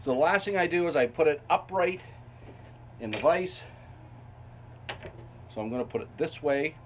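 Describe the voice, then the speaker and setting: A woodworking channel host, a Canadian in his fifties, chats in a folksy, relaxed way with chuckling asides while teaching in his basement woodshop. His slightly high voice is expressive and moderately paced, recorded by a camera a few feet away on the bench with a little hiss or hum.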